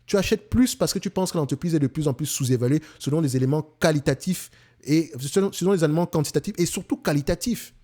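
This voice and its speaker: A man's voice: fairly high pitch, warm tone. A man with a Cameroonian French accent, hosting an investing channel in an emphatic casual monologue, often restarting and repeating himself.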